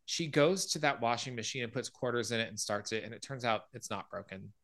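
A man's voice: mid-range voice, a little fast, fairly bright tone. A man hosting a podcast, casually retelling a film scene by scene and acting out quoted lines. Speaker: podcast host.

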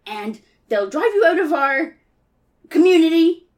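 A woman's voice: extremely high pitch, very animated, a little slow, a little mellow, voice pushed up, full character voice. A woman voicing a bossy, prim, indignant male rabbit who scolds, in an improvised storybook parody.

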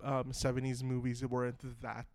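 A man's voice: mid-range voice, completely flat delivery, normal speed, dry recording, studio quality. A young man co-hosting a casual podcast chat, teasing his friend, laughing often and restarting his sentences. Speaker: podcast co-host.

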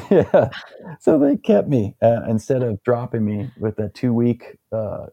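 A young man casually recounting a story as an interview guest, relaxed and rambling with plenty of fillers. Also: medium pitch, a little slow, creaky, dry recording, lo-fi sound.

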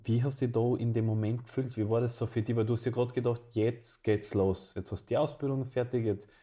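A man hosting a podcast, calmly asking his guest questions. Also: medium pitch, brisk. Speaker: podcast host. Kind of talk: interview.

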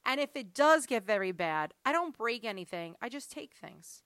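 A woman in her forties chatting casually, an animated storyteller acting out her family's lines. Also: fairly high pitch, normal speed, dry recording, clean studio sound. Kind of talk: casual chat.

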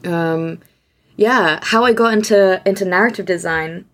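A woman's voice: lowish voice, measured pace, fairly bright tone. A young woman from Austria, a guest in an interview, talking chattily with frequent laughs and restarts. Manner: chatty, self-deprecating, laughs often, many restarts. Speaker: guest, narrative designer. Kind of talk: conversational interview.

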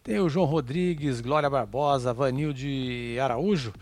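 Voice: medium pitch, unhurried, darkish tone, no room sound. A co-host with a Brazilian Portuguese accent in a casual live chat, adding short interjections and quips. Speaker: gossip show co-host.

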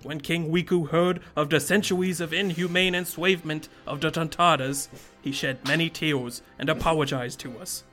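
A small, grave fairy king recounts his people's suffering in a soft, babyish voice, as a podcast host puts him on. The voice sits a little high for a man. Faint music plays underneath. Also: steady tone, normal speed, close to an everyday voice. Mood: solemn storytelling. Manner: baby voice telling a tragic history. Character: tiny old fairy-folk king, grave, sorrowful. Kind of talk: comic read-aloud on a podcast.

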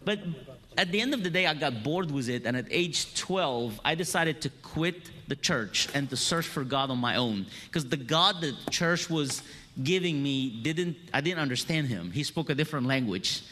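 Speaking into a handheld or stand microphone in a hall, an Egyptian man with an Egyptian accent, a native Arabic speaker, delivers an earnest seminar talk full of stories. His voice is on the high side, expressive, bright and forceful at a normal speed, with a little hiss or hum.

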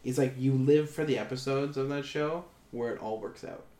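A man's voice: medium pitch, normal speed, warm tone, echoey room. A man chatting casually, telling stories animatedly, acting out quotes and swearing freely. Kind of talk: casual chat.

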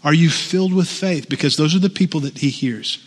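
A man gives a sermon in a church sanctuary with a somewhat high voice. He talks conversationally, often checking in with a quick "right?". The long reverb of a large hall trails each phrase. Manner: conversational, frequent "right?" asides. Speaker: pastor.

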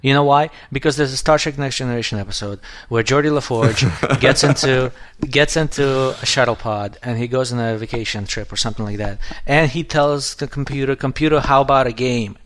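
A man in his thirties chatting casually on a podcast, rambling and restarting his sentences, swearing freely, a bit hoarse as his voice goes. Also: mid-range voice, fairly quick, hardly any pauses. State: losing his voice. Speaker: podcast co-host, app developer.

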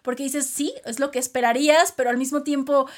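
A woman, co-hosting a casual chat that reviews a TV drama, chatty and expressive. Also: high-pitched. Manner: chatty, expressive, quick asides to listeners. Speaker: podcast co-host.

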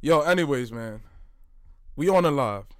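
A young man hosting a casual chat, animated, laughing often and repeating himself. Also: medium pitch, moderate pace, no echo, clean studio sound. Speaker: podcast host.

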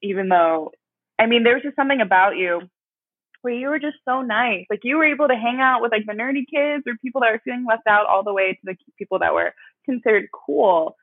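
A woman in her mid-twenties chats and praises her guest in an easy, affirming way. Her voice is a little breathy and comes through a thin, tinny phone line. The sound is dry. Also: a little high, brisk, dry recording. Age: 20s. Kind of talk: casual chat.

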